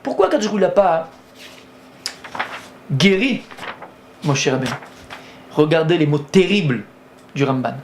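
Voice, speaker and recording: A man's voice: on the high side, lively intonation, measured pace, long pauses, a little hiss or hum. A man, a rabbi, giving a Torah lesson and acting out dialogue with rising exclamations.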